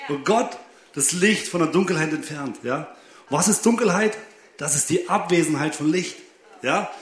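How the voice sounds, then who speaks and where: Bright high-voiced laughing young preacher. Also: male voice. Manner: storytelling, laughing often, tag questions. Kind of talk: lively sermon with personal anecdote. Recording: echoey room.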